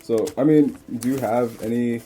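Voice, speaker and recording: A young man co-hosting a casual chat about cameras, talking in a rambling, halting way with crude asides. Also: mid-range voice, steady tone, mellow, soft background music. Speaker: co-host.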